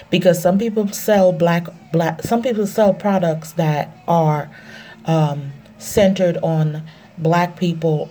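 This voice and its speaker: Female podcaster, slow and relaxed, chatting alone in an echoing bathroom. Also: low voice. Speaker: podcast host. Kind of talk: casual solo podcast talk. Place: small indoor bathroom, recording alone. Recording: echoey bathroom with background noise. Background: background noise.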